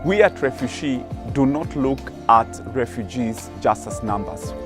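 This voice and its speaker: A man's voice: medium pitch, animated, measured pace. Earnest man speaking over music. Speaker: executive director of a charity. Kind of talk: documentary interview.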